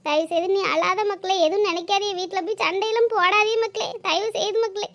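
Brief: a kindly older cartoon woman, very high and quick, apologetic and soothing. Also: steady tone, fairly bright tone, no room sound, lo-fi sound. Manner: pleading, soothing, repeats her pet word for him.

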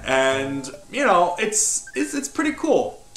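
Young guy chatting in a casual vlog, kinda high voice, hesitant, roomy sound w music behind. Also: very animated, takes it slowly, fairly bright tone. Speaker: YouTuber. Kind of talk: casual vlog game review. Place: living room, indoors.

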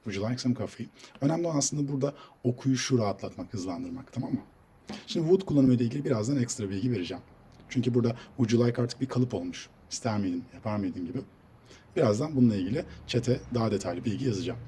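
A man explaining English grammar in a patient teaching voice, reading example sentences slowly and carefully. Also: mid-range voice, expressive, dark tone, breathy edge. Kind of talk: screen-recorded English lesson in Turkish.

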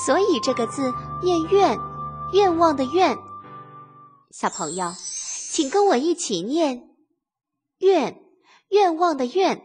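Female children's teacher, slow and very lively, singsong, reading-to-a-toddler delivery, music behind. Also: high-pitched. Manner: slow, repeats words for listeners to follow. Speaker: children's literacy teacher and narrator. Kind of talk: scripted lesson narration for small children.

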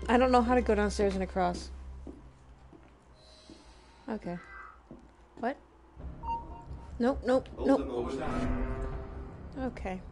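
With a medium-pitched voice, a measured pace, and frequent pauses, a game streamer comments casually to herself. She makes self-deprecating jokes and sometimes searches for words as game music and sounds play in the background.

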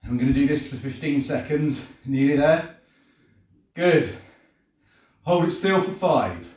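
A middle-aged man instructs a live workout class in a slightly high voice. He coaches with short, encouraging commands. The sound is very echoey, picked up from across a hard-walled home gym. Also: animated, a little slow, darkish tone. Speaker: fitness and martial arts instructor. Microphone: distant camera mic across the room. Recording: echoey room, far from the mic.

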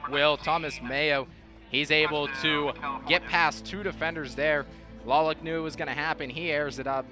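A young American man giving live football analysis as a color commentator. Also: medium pitch.

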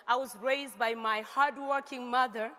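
A woman from South Sudan reading an emotional, grateful success speech on a large stage, sometimes rising to shouts. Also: a little high, fairly even intonation, measured pace. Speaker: stage speaker at a company event. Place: large stage with reverberant hall. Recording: long hall reverb from stage.

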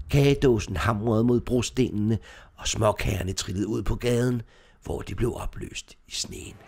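A man reading a story aloud as narrator, in an expressive, lively storytelling manner. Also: medium pitch, vocal fry, a little hiss or hum.

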